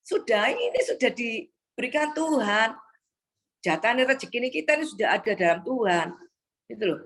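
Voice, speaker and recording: A woman's voice: fairly high pitch, very animated, fairly quick. A woman preaching an exhorting sermon to a congregation on a video call, often calling the listeners "Saudara".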